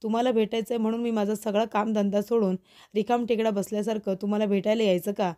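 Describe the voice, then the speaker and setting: A curt, resentful young husband who answers sarcastically, read out by a woman narrator. Her tone stays mellow. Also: mid-range voice, level tone, fast, natural voice.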